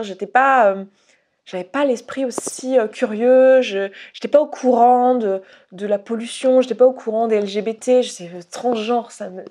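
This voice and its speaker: A woman's voice: on the high side, a little mellow. A young woman from Haute-Savoie talking candidly to camera in a casual vlog, with many restarts and fillers. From Haute-Savoie, France. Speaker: YouTuber.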